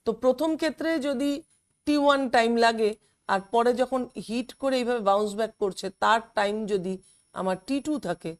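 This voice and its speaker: A woman's voice: fairly high pitch, brisk. A woman teacher explaining a physics lesson step by step, with many fillers and English terms. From West Bengal, India.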